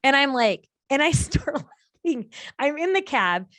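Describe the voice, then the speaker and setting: A woman telling a story on a video-call podcast, her voice jumping high whenever she acts out what others said. The recording is dry and close, with no room sound. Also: a little slow, no room sound. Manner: lively, acts out quoted people with big pitch jumps. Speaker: guest. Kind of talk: animated storytelling in a podcast chat.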